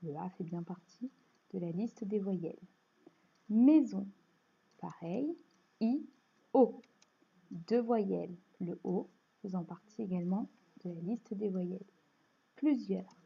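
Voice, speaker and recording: A woman with a French accent teaching a phonics lesson to young children, explaining slowly and patiently. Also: medium pitch, expressive, vocal fry, slightly rough. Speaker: primary school teacher. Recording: dull lo-fi recording.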